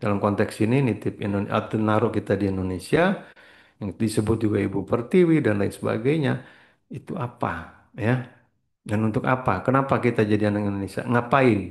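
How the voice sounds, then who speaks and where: Delivering a relaxed motivational talk, this spiritual trainer speaks low and quick with a steady tone. He wanders from point to point, mixes in English words and clears his throat often.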